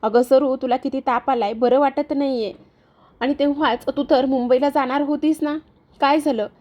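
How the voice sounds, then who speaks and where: A woman's voice: high voice, steady tone, moderate pace, muffled recording, lightly acted. A woman voicing a worried, caring woman who fusses over a sick friend in a retold TV serial. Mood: concerned. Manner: fussing, concerned.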